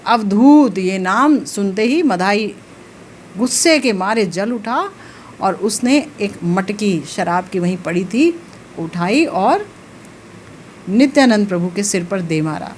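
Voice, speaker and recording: Slow-speaking woman telling devotional stories. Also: mid-range voice, lively intonation, darkish tone, a little hiss or hum. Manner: slow, emotive storytelling with rising emphasis. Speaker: spiritual teacher. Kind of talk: devotional storytelling discourse.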